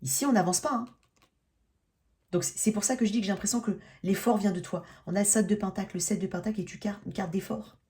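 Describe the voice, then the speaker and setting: A woman's voice: mid-range voice, steady tone, fast talker, mellow. A woman giving a casual tarot reading, talking in a hesitant, searching way with many restarts and a frequent "hein". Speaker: tarot reader.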